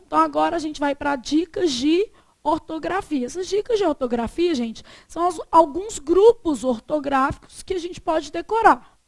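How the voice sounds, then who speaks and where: A Brazilian woman teaching a classroom grammar lecture, constantly checking whether the students follow with quick tag questions. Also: high-pitched, darkish tone, no echo.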